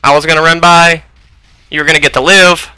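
A man's voice: fairly high pitch, little pitch movement, a little fast, bright, forceful tone, smooth, no echo. A young man giving profane, frustrated commentary while playing a video game at home on a close desk mic. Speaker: gaming video creator. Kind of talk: gameplay commentary.

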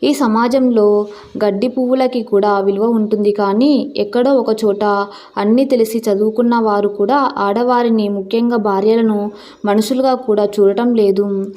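A woman's voice: medium pitch, fairly even intonation, normal speed, mellow. A woman narrating a first-person audio story in an earnest, plaintive way.

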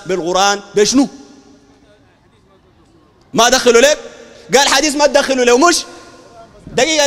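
A male preacher with a Sudanese Arabic accent, debating combatively, firing rhetorical questions and shouting at times. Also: extremely high pitch. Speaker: Islamic preacher. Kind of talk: heated public debate. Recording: long hall reverb.

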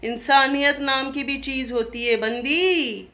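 A woman's voice: sits high, steady tone, slow pace, pushed and bright. A woman in her thirties ranting indignantly in a video diary, scolding another vlogger with pointed rhetorical questions, recorded on a phone at arm's length in her living room. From Pakistan. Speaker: YouTuber replying to another vlogger. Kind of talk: confrontational video diary rant. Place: living room at home, indoors. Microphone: phone camera at arm's length.

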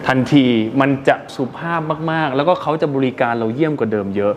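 A man's voice: mid-range voice, quick pace, a little hiss or hum. A man hosting a casual vocabulary lesson in a car showroom, patiently explaining words and spelling them out letter by letter, with polite particles at the ends of his sentences. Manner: polite, with frequent soft sentence-end particles. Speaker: English teacher and show host.

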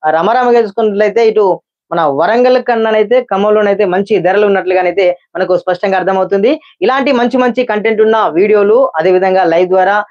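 A man's voice: high-pitched, fast talker. A man gives an unscripted market price report as a channel host, with repetitive phrasing and small stumbles over figures. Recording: dull lo-fi sound.

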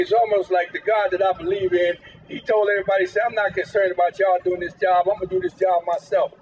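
High-voiced older man telling a story. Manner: emphatic, folksy storyteller. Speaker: guest speaker. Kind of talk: impassioned storytelling to a crowd. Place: outdoors at a public gathering. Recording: distant mic with faint street noise.

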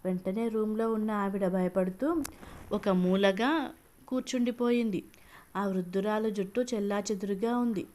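A woman reading a dramatic family story aloud in an even, steady storytelling manner. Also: mid-range voice, normal speed. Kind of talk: scripted narration.

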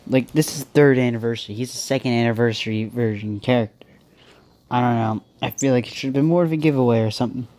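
A young male gaming host with a blocked nose chats loosely as he plays a mobile game, often starting over mid-thought. His medium-pitched voice sounds a little mellow.

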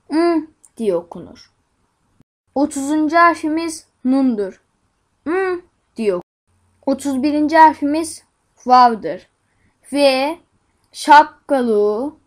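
A woman teaching an alphabet lesson, reciting each letter and its sound in a slow, deliberate way. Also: sits high.

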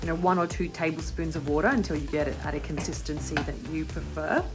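Lower-pitched woman with background music. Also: steady tone, quick pace. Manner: friendly, instructive, talking to camera. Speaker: cooking vlogger. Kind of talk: upbeat cooking tutorial. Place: home kitchen indoors. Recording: music clearly underneath.

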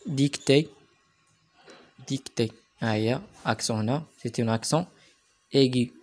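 A man with a Moroccan Arabic accent giving a remote French lesson to primary pupils, spelling words out slowly and repeating them. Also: medium pitch, darkish tone. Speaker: French teacher.

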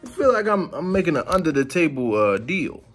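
A man's voice: fairly high pitch, big pitch swings, a little fast, faint music behind. A man hosting a reaction video, giving joking, slangy commentary on clips.

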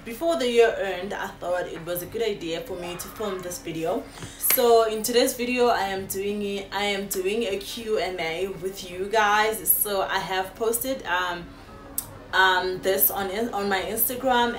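Slow, chatty South African woman vlogger. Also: mid-range voice, reverberant, faint music behind. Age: late 20s. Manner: chatty, warm-hearted address to viewers, frequent fillers. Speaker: YouTuber. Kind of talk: casual Q&A vlog. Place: indoors on a sofa in a small room. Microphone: phone camera.

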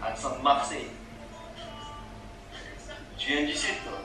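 A man's voice: mid-range voice, unhurried, loud music behind the voice. A young man chatting over a webcam, curious and slangy, quizzing the stranger he meets. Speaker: stranger on video chat. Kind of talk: casual webcam chat.

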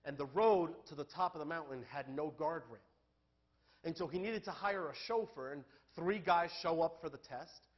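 A male pastor delivers a sermon in a church, his voice sitting a little high for a man. He talks candidly and conversationally, then swells into loud, emphatic peaks. The recording sounds dull and lo-fi. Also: moderate pace.

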